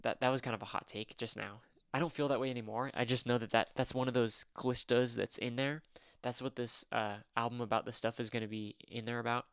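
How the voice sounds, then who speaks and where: A man's voice: mid-range voice, steady tone, a little fast, few pauses, a bit bright, clean tone, dry recording, studio quality. A young man rambling casually on a livestream, swearing often and making fun of himself. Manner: rambling, swears a lot, self-deprecating.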